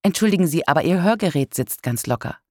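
A woman's voice: fairly low pitch, expressive, fast, darkish tone, no echo, studio quality. A narrator voicing a polite, helpful woman stranger in an audiobook, speaking in a kindly, slightly raised voice. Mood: friendly.

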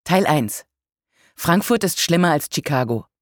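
Brief: audiobook narrator, measured first-person reading, wry humor, close and dry. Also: medium pitch, expressive, dry recording.

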